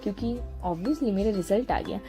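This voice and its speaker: A young woman from India narrating a relaxed voice-over of her day at home, chatty and often pausing to search for a word. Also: mid-range voice, over music. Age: young adult. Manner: chatty, searching for words, frequent laughs. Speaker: vlogger. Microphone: small handheld mic.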